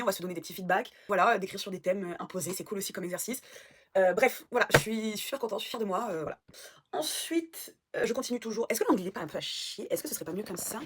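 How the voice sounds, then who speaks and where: Lively self-mocking woman vlogger. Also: mid-range voice, slight background noise. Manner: animated and self-mocking, swears casually. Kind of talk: casual chat.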